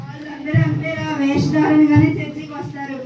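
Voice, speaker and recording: A woman's voice: high voice, flat delivery, quick pace, over music, crowd noise. A woman playing a scornful, scheming evil spirit in an amateur church skit, mocking in manner. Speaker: skit actor. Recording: very echoey, distant, dull lo-fi.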